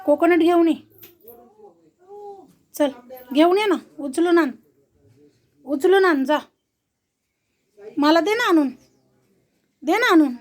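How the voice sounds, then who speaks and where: Woman, very high voice, unhurried, Marathi accent, coaxing baby talk with a toddler, repeats short phrases. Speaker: parent talking to a toddler.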